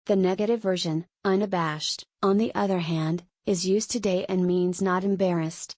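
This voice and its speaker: A woman giving a scripted explainer on tricky words, clear and lightly playful. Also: fairly low pitch, fairly even intonation, moderate pace, a little mellow, no echo, clean studio sound. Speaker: narrator. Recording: faint background music.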